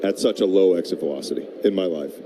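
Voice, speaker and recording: During a live baseball broadcast, an American color commentator offers informal, chatty analysis and banter with plenty of emphasis. He talks quickly in a low voice, with background noise present.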